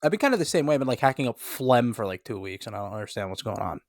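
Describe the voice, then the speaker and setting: A man's voice: medium pitch, animated, gravelly, dry recording. Laid-back joking podcast guy, dry sound. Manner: laid-back, joking, quick agreeing interjections. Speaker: podcast co-host. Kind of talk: casual podcast chat.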